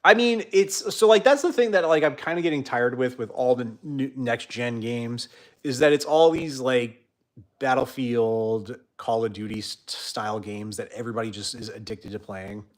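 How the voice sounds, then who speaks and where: A young man hosting a casual livestream chat, rambling with many fillers and trailing off quietly at the ends of sentences. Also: mid-range voice, moderate pace. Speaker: host.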